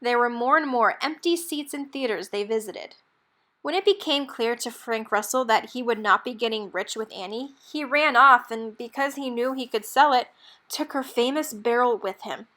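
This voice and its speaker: A woman with a higher-pitched voice narrates a children's picture book aloud. Her read-aloud delivery is expressive and measured, in the manner of a storybook reader.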